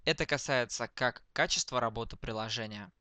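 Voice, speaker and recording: A man dictating text slowly to speech recognition, speaking each punctuation mark aloud, word by word. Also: mid-range voice, sharp tone, no room sound. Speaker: dictation demonstrator.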